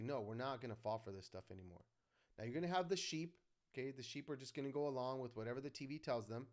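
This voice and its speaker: A man's voice: medium pitch, darkish tone. A middle-aged man hosting a livestream, talking in an impassioned, preachy way and acting out quotes. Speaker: livestream host. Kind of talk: casual political livestream monologue.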